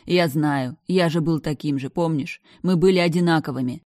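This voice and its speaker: Woman voicing a gentle young brother in an audiobook, soft and reassuring, low dry voice. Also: normal speed, no room sound, lightly acted. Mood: tender. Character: gentle protective dead older brother, tender young man. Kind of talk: audiobook character reading.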